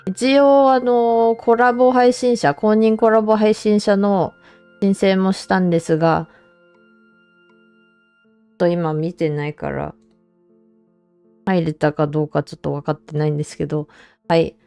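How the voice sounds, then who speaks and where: A woman's voice: mid-range voice, fairly even intonation, a little slow, long pauses, warm tone, smooth, no echo, faint music behind. A woman streamer chatting casually and informally to viewers on a livestream.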